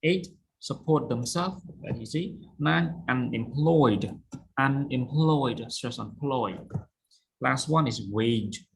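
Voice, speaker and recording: A man's voice: mid-range voice, animated, a little slow, vocal fry, poor audio. A man teaching an online English lesson, patiently explaining words and checking understanding. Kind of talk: online vocabulary and pronunciation lesson.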